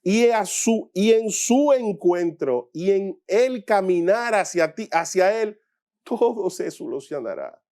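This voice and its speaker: Slow, mellow-voiced preaching man. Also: high voice, lively intonation. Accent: Dominican Spanish. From Dominican Republic. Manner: slow, emphatic preaching with repeated phrases. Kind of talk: sermon-style Gospel reflection.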